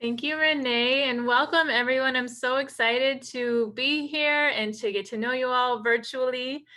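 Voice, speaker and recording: A woman from North Dakota, USA, who is a native Hidatsa speaker, gives an informal online presentation as a program director. Her voice is high-pitched and bright with a forceful tone, fairly even intonation, and a slightly slow pace. She comes across as upbeat and enthusiastic.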